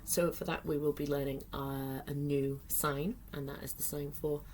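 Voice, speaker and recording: A woman's voice: deep voice, little pitch movement, moderate pace, a little mellow, slight background noise. A woman teaching sign language in a friendly tutorial, explaining patiently step by step with the odd filler.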